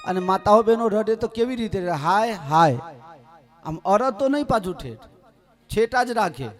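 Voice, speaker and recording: A man's voice: high-pitched, animated, fairly quick, soft background music. A man from Gujarat preaching a devotional scripture story, with humorous asides to the audience. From Gujarat, India. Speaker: katha preacher.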